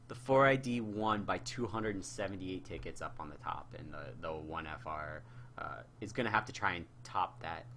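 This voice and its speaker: A man doing live, casual commentary on an online war game match, his voice worn hoarse from hours of talking. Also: fairly low pitch, bright, forceful tone, a little hiss or hum. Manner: casual, rambling, with fillers. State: losing his voice.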